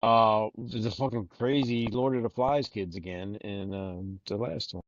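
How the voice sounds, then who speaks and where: Speaking a little slowly in a fairly low voice, a man co-hosts a podcast and chats about a book in a rambling way, full of jokes and swearing. The dull lo-fi recording has no room sound.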